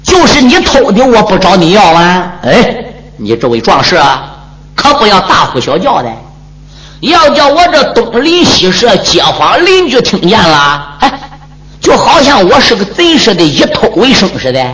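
A man's voice: high-pitched, very animated, normal speed, fairly bright tone, rough recording. A man voicing a sly, evasive old landlord who talks in a placating, wheedling way, in a traditional storytelling performance. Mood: protesting. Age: older. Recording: music playing behind.

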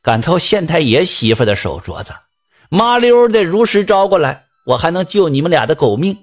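A man's voice: a little high, sing-song, normal speed. A man with a Northeastern Mandarin accent voicing a crafty fake fortune-teller, theatrical and blustering. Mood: stern bluster. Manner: theatrical, switches from panicky wails to stern bluster. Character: sly old swindler fortune-teller, crafty fake soothsayer.

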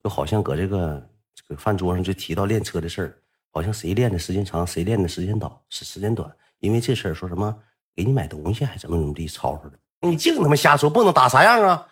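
A man with a Northeastern Mandarin accent telling a rambling story in a casual, animated way, swearing freely. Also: low-pitched, quick pace.

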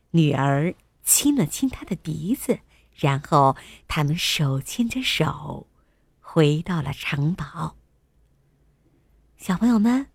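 A woman telling a bedtime story to small children in a gentle, sing-song way, at times dropping to a whisper. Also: deep voice, gravelly, husky, dry recording.

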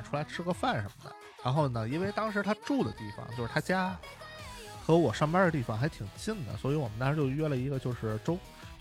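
A man co-hosting a podcast, telling a story in casual chat, animated and chatty with many tag questions. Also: medium pitch. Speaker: podcast co-host.

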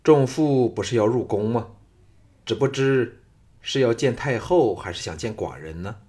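A male audiobook narrator voicing a young king who speaks calmly but with a mocking, commanding edge. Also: medium pitch, normal speed, close to an everyday voice. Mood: needling. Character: young male king, cool and sharp-tongued. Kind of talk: audiobook character reading.

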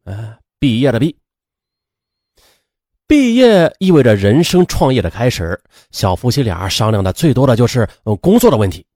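Animated male true-crime storyteller, close dry sound. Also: medium pitch, normal speed, no echo. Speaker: narrator of a true crime audio program. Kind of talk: lively spoken storytelling narration with conversational asides.

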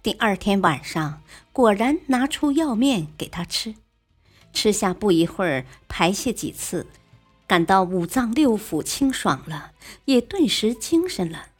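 Husky woman telling a classic tale. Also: mid-range voice, measured pace. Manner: expressive, lively narration. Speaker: storyteller. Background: faint music.

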